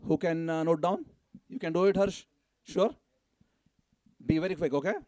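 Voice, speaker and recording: At a temple event, a man acting as announcer and fundraiser speaks live to a community gathering, urging them on and prompting them to respond to his fundraising appeals. His voice is fairly high and darkish, his intonation fairly even, his pace moderate, with no echo.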